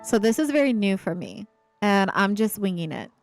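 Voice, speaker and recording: A woman's voice: medium pitch, very animated, normal speed, faint music behind. Playful woman with a slight Appalachian Ohio lilt. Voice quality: slight speech impediment. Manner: playful, laughs often, chats with viewers. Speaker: streamer. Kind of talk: casual live-stream chat while building.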